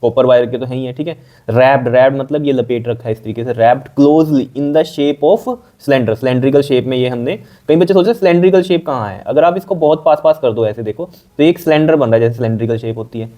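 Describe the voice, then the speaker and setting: Male science teacher, warm mellow tone, patient step-by-step explaining, repeats checks for understanding. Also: mid-range voice. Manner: repetitive, checks understanding with frequent "okay?"; dictates definitions slowly. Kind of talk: explanatory online lesson.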